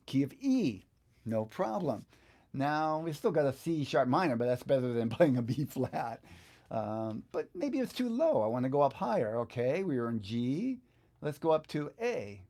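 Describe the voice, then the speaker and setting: A middle-aged or older guitar teacher gives a casual, hands-on software music tutorial while seated at a computer in a small indoor home studio, with a backing track playing. His medium-pitched voice is creaky, and he thinks aloud in an easygoing, halting way as he works.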